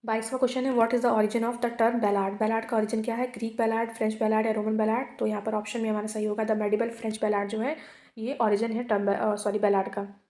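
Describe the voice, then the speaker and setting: A woman teacher going through exam multiple-choice questions, reading each one slowly in English and then explaining it quickly in Hindi. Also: on the high side, flat delivery, darkish tone, roomy sound. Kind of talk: exam quiz lesson.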